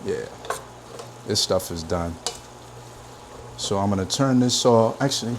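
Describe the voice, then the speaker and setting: A man's voice: fairly low pitch, expressive, background noise. Laid-back man chatting while cooking. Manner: laid-back and chatty, drawn-out emphatic phrases. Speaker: vlogger cooking at home. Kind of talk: casual cooking vlog chat. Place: home kitchen. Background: frying and stirring sounds.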